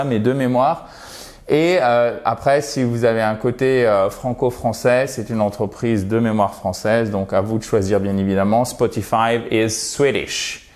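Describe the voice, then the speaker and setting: Guy doing an english lesson on video, mid-pitched voice, chatty and lively, slows down hard on the english words. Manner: lively teacher, spells out English words slowly for pronunciation. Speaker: English teacher.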